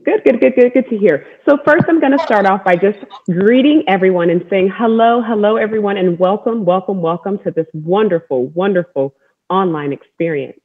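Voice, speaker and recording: Speaking at normal speed in a mid-range voice, the same kind of host, an American storytelling athlete, warmly welcomes an online group and repeats words to stress them. She's at home on a video call using a wireless earbud, and the audio is narrow-band.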